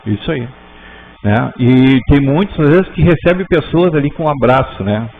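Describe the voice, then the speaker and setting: A man's voice: mid-range voice, animated. A man teaching a spiritist class in a conversational way, often tagging sentences with "né?" and restarting them. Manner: conversational, frequent "né?" tags, halting restarts. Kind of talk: informal class talk. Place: spiritist center auditorium. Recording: tinny lo-fi with faint hum.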